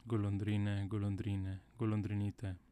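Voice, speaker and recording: A man voicing a gentle, sorrowful statue prince in a calm, even storybook reading. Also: lowish voice, moderate pace, smooth, lightly acted. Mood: tender.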